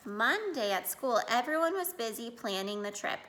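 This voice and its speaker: A woman's voice: a little high, big pitch swings, moderate pace, sharp tone. A woman teacher expressively reading a picture book aloud to children, adding asides to her listeners.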